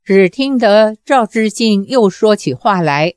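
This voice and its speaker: A woman narrating a novel as an audiobook in a measured storytelling manner. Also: mid-range voice, lively intonation, darkish tone, smooth, no room sound, studio quality.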